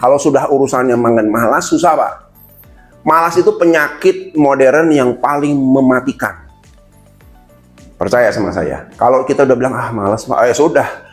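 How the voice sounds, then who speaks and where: A man's voice: medium pitch, moderate pace, soft background music. A man giving a motivational seminar talk, addressing the audience directly and acting out little quoted exchanges. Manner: lively, addresses listeners as "Pak", acts out quotes. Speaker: motivational speaker.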